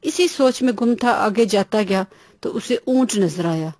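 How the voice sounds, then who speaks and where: A woman narrating a children's bedtime story in a plain, even-paced reading voice. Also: medium pitch, no room sound, studio quality.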